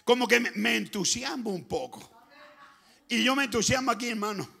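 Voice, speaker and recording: A man with a Chilean accent preaching a fervent sermon in a church, often shouting and swinging between loud bursts and quiet asides. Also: extremely high pitch, normal speed, vocal fry. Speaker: pastor. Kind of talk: Pentecostal sermon.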